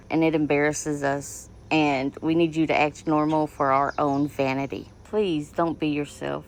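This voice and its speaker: Woman host, lowish voice, dry mocking sarcasm, commentary read. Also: poor audio.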